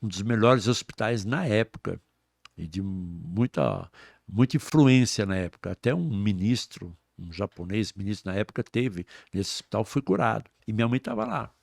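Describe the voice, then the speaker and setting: A Brazilian man, a guest preacher, telling his personal testimony on a podcast with fervent delivery that swings between hushed and loud. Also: fairly low pitch, lively intonation, moderate pace, creaky, no room sound, studio quality.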